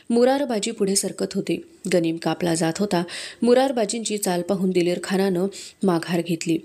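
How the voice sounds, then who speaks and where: A woman's voice: mid-range voice, warm tone, close to an everyday voice. A woman reading aloud, voicing a loyal male soldier who gives an earnest report of a battle.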